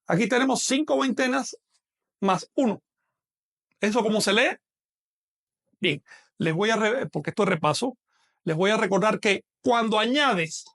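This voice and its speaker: A man's voice: high-pitched, fairly bright tone. A man teaching a live online lesson, patiently explaining step by step and asking questions that he then answers himself.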